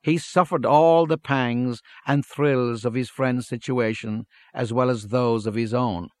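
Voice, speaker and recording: A man narrating a story in a measured, steady reading. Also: medium pitch, no room sound.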